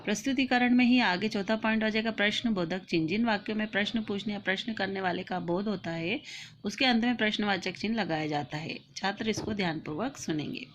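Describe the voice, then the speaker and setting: A woman in a teaching role dictates a lesson plan, one point after another. Her voice sits at an everyday pitch, and she keeps a steady, methodical pace. Faint background noise runs under the recording. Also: a little fast. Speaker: teacher trainer.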